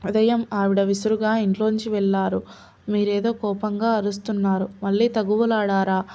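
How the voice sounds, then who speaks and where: A woman's voice: mid-range voice, little pitch movement, moderate pace, mellow, natural voice. A woman voicing a nosy, lecturing older male neighbor in an audio story, with a prying, scolding tone and a dull lo-fi sound.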